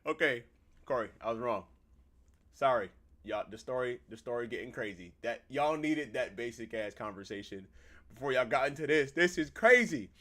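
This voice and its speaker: A man giving casual, loud, expressive reaction commentary while playing a game, full of slang and laughter. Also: mid-range voice, moderate pace. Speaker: gaming streamer.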